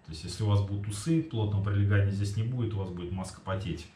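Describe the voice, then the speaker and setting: A man's voice: on the low side, fairly even intonation, racing, warm tone. A man in his forties giving a casual, matter-of-fact product review, explaining things somewhat hesitantly. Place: small home kitchen, indoors. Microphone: camera across the table. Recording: roomy echo, distant mic, faint noise.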